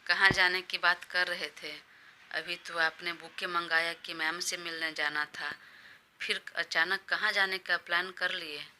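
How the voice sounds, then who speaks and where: A young male aide in an audio story, voiced by a woman, curious and quick to apologize. The voice is low and flat with a sharp, bright tone. A faint hiss sits behind. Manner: questioning, apologetic.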